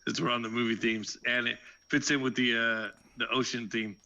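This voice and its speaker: A man in a casual podcast chat, telling jokes and telling stories in an animated way. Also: mid-range voice, a little fast, gravelly, dull audio. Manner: joking, animated storyteller. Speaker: podcast co-host.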